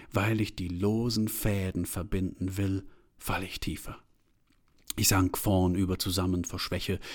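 Guy reading his story out loud, low voice, takes it really slow and dramatic. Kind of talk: literary reading.

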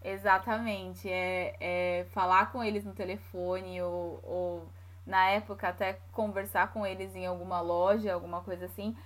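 A woman from São Paulo, Brazil, speaks Portuguese with a paulista accent, casually telling her own story in conversation. Her voice sits on the low side, level in tone, at a moderate pace.

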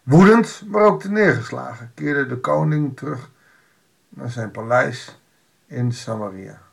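A man's voice: medium pitch, animated, a little slow, vocal fry. A man giving an informal Bible devotional, reading a passage aloud and explaining it in a conversational way with wry asides.

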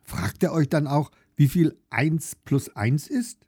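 A man voicing an eager, curious little preschool boy in an audiobook, speaking in excited, breathless chatter. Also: a little high, takes it slowly, husky, no room sound, clean studio sound, voice pushed up, heavily acted. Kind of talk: audiobook character voice.

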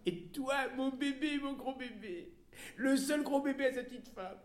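A man's voice: very high-pitched, moderate pace, voice pushed up. A man reading aloud voicing a foolish doting husband who stammers and coos mock-tender baby talk. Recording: roomy echo.

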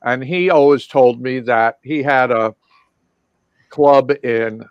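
A man speaks in a middle-pitched voice, rambling casually through his memories with plenty of ums and restarts. The sound is dull and lo-fi, and very dry, with no room sound at all. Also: slow, clean tone, dry recording. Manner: rambling, many fillers and restarts. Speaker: guest lighting designer. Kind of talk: casual recollection.

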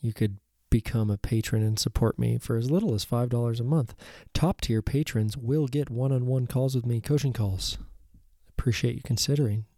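A man's voice: mid-range voice, normal speed, warm tone, no room sound, studio quality. A man with a slightly froggy, throaty voice hosting a solo podcast in a casual, musing way. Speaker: podcast host.

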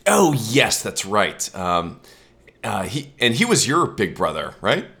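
A man's voice: fairly low pitch, wildly swooping pitch, slow pace, creaky, sharp tone. A man in his late twenties from the United States, hosting a casual podcast chat and joking around with a lot of swearing. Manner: joking, profane, laughs often. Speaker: podcast host.

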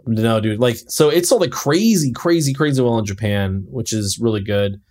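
A man's voice: mid-range voice, expressive, moderate pace, darkish tone. A young man co-hosting a podcast, talking loosely with lots of fillers in casual chat. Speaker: podcast co-host.

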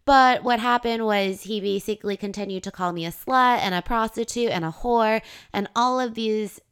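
A woman's voice: on the high side, normal speed, clear, resonant tone. A young adult woman hosting a podcast, telling a personal dating story in a candid, casual way with some swearing. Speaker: podcast host.

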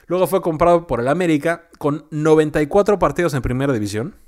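Man, Mexican accent, football analyst, conversational, tags his points with quick questions. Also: on the high side, a little mellow. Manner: conversational, frequent "¿no?" tags and "este" fillers.

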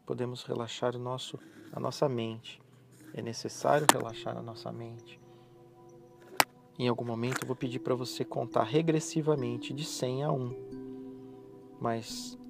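Over clearly audible background music, a hypnotherapist talks listeners through relaxation. He's soft-spoken, medium in pitch, with a noticeable fry, and he paces his calming, repeated phrases slowly, pausing between them.

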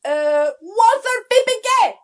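Woman as a very high-voiced quirky contestant. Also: expressive, unhurried, faint music behind. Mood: eager. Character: quirky, chatty, earnest woman game show contestant. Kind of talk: comedy sketch acting.

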